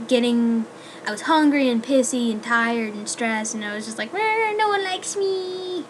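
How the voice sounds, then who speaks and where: A young woman with a slightly raised voice talks to her viewers in a loose, rambling vlog chat. Her sentences keep circling back through "like" and "um" as she tells her stories. There is a faint hiss under her voice. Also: fairly high pitch. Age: young adult. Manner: rambling, full of "like" and "um". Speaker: student vlogger. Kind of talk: casual chat to camera.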